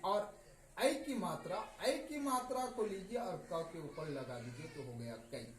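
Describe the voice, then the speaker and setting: Slow, patient male teacher in echoey room. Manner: patient, repeats each answer twice, drops pitch at each result. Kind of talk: slow step-by-step writing lesson. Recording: echoey room with faint noise.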